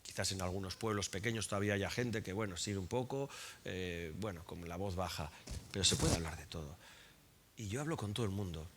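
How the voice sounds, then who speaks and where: A man's voice: deep voice, fairly quick, a little hiss or hum. A man talking at a public book presentation, frank and colloquial, who swears often and restarts and repeats words as he thinks aloud.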